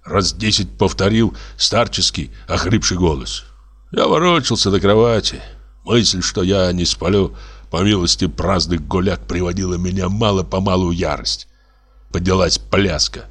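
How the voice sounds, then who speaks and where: A man reading a literary story aloud, expressive and acting out the narrator's own outbursts. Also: deep voice, moderate pace, breathy edge. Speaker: audiobook reader.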